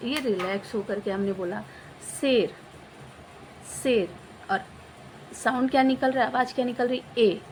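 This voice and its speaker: A woman with a fairly high voice explains how Hindi vowel signs are written. She draws out each sound slowly and repeats sample words the way a teacher does for children. A faint hum runs under the recording. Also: rough recording. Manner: slow, drawn-out demonstration of sounds, repeating example words.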